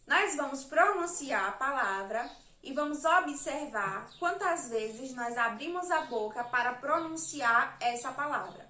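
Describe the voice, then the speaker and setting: A woman teacher from Brazil giving a remote lesson to young children, counting letters and syllables slowly and patiently. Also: sits high, lively intonation, bright, forceful tone, echoey room.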